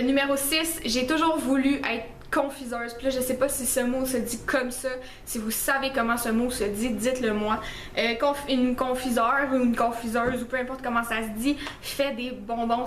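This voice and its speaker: A young beauty vlogger with a Québécois French accent chats through a list of facts about herself, casual and self-mocking, with lots of fillers. Her voice is a little high and reverberant, with slight background noise.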